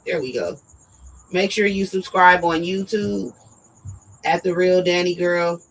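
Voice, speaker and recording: Hoarse woman hosting a live talk show. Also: lowish voice, unhurried, a little hiss or hum, low-quality recording. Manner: direct, emphatic, addresses viewers as y'all. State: losing her voice. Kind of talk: casual live-stream talk.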